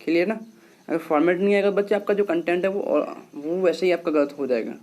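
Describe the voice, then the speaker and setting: A man's voice: high-pitched, fast talker, darkish tone. A man teaching a lesson, explaining patiently and often repeating himself as he talks to his students. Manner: patient, repetitive, addresses students as children. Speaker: English teacher.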